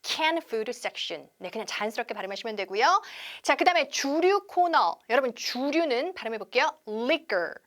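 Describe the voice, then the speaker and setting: A woman teaching English conversation on a TV lesson, drawing out each model word slowly for viewers to repeat. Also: sits high. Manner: lively teacher, slow drawn-out model English words for repeating.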